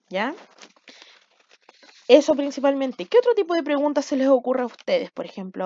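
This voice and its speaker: A woman's voice: fairly high pitch, mellow, no room sound. Patient Chilean woman teaching children. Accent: Chilean Spanish. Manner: patient, checks understanding with frequent "¿ya?". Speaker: primary school teacher. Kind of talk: recorded remote language lesson for children. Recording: dull, dry lo-fi home recording.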